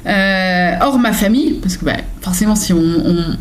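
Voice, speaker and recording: A woman's voice: medium pitch, moderate pace, slight background noise. A young woman chatting casually on her home vlog, reading daily journal questions and answering them with lots of fillers and self-mocking asides. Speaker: vlogger.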